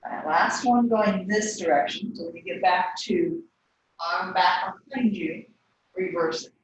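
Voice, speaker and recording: Brief: woman yoga teacher, calm breath cues, faraway mic in an echoey studio with faint hum. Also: lowish voice, a little slow, muffled recording. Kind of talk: guiding a yoga class. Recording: echoey room, voice from a distance.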